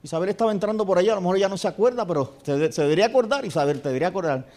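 A man preaching a sermon in a church, telling a story and dropping to a hushed voice for repeated prayers. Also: high voice, animated, very fast. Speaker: pastor.

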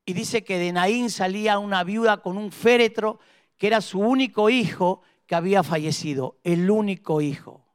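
A man with a high, bright-pitched voice and a smooth, resonant tone preaches with fervor. The sound is dry and close, with no room echo, and his delivery swells into emphatic prayer. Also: normal speed. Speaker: pastor. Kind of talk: sermon with storytelling and prayer.

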